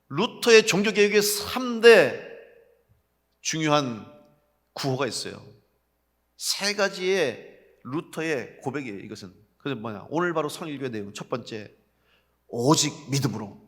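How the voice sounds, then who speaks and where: Preaching pastor in a reverberant church. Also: male voice, big pitch swings, normal speed, long pauses. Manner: swings between loud emphatic calls and soft low asides; addresses the congregation directly with rhetorical questions. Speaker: senior pastor. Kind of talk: sermon. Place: church sanctuary. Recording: long church hall reverb.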